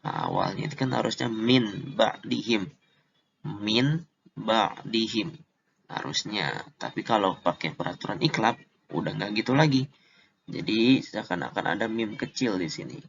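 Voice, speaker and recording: Man, recitation teacher, gravelly low voice, very slow, drawn-out examples, slightly dull lo-fi recording. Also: very animated, a little hiss or hum. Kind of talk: casual explanatory lesson.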